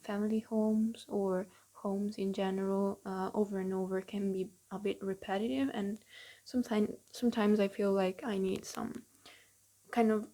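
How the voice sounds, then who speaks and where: A young woman murmurs a relaxed voice-over almost under her breath, her tone soft and mellow. She talks in an even, flat way and pauses often with little fillers as she goes. She is recording quietly in her bedroom at home. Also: medium pitch. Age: young adult. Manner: hesitant, with many fillers. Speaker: gaming channel host. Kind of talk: casual voice-over for a building video.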